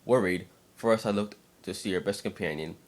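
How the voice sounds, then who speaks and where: A low-pitched man reads a scripted fan-fiction piece a little fast, performing it as a dramatic reading. His delivery is expressive but sometimes stumbles on words.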